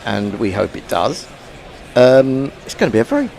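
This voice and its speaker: A man's voice: medium pitch, wildly swooping pitch, normal speed, vocal fry, a little mellow, a little hiss or hum. A man hosting a casual cricket commentary chat, rambling and self-mocking, tripping over long names. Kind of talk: casual pre-match chat.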